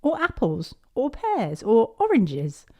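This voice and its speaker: A woman's voice: fairly high pitch, huge pitch swings, slow pace, warm tone, dull audio, voice pushed up, exaggerated voice. A woman voicing an eager, bouncy little girl pig in a storybook reading. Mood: eager, curious.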